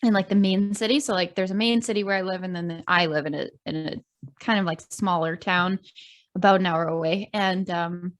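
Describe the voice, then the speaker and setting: A young woman from Canada telling a story in casual chat, animated, acting out what people said and laughing often. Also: on the low side, fairly quick. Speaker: podcast guest.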